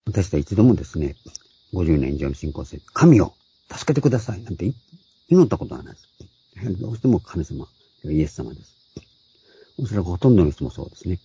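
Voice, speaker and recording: An older man preaches slowly and explains scripture word by word, his low voice very dark and husky. It comes through a dull, lo-fi and dry recording. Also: very animated, dry recording. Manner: measured, explains word by word, voicing scripture quotes higher. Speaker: Bible teacher. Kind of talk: explanatory Bible sermon.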